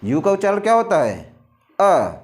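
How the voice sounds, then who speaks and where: Male teacher, lively rising and falling voice, drills pronunciation by repetition. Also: high-pitched. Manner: slow, repetitive, asks questions and answers them. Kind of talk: English pronunciation lesson.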